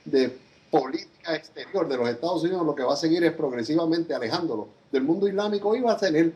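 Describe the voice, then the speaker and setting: A man's voice: a little high, expressive, fast, a little mellow. A man giving answers as an international analyst in a news interview, critical and hesitant, with many fillers and repeated words.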